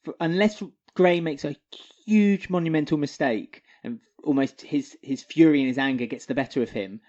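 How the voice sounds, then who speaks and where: A British man co-hosting a casual podcast, chatting with an animated, fairly high voice. He gets excited and his pitch jumps up suddenly. The audio is muffled and lo-fi. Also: normal speed. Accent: British English. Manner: chatty and animated, voice jumping up when enthused. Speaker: podcast co-host.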